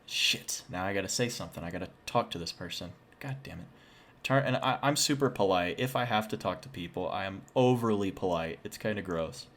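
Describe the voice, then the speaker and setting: Telling a spooky personal story, a young man speaks casually and chattily, often tossing in self-deprecating asides. His voice is a little on the low side, a bit bright, and slightly fast.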